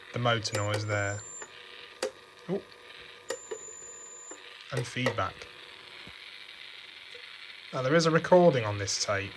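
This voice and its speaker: At his home workbench, a vintage electronics hobbyist casually shows off a vintage tape machine, thinking aloud as he chats through its parts. His voice is mid-range, with a noisy background behind it.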